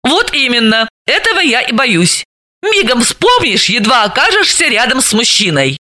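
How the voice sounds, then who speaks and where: Here is a stern, exasperated woman investigator, read by a woman narrator, firm and scolding in tone. Her voice sits high and bright, with a crisp, sharp edge. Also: sing-song, normal speed. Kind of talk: audiobook character voice.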